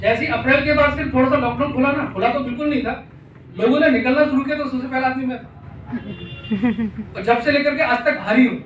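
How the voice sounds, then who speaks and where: Emphatic middle-aged male mentor, high-pitched, recorded in a roomy space with faint background noise. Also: fairly even intonation, fast, pauses often, fairly bright tone. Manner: emphatic, repetitive, asks rhetorical questions. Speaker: business mentor addressing a team meeting. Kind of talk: motivational talk. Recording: echoey room, mic far off, faint noise.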